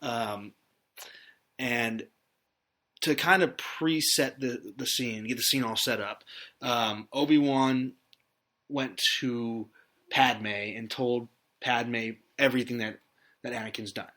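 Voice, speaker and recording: A man with a bright, forward voice at an ordinary middle pitch, chatting on a podcast. He recaps things in a loose, rambling way, pausing on fillers as he goes. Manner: rambling recap with hesitations and laughs. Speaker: podcast host. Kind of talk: casual podcast chat.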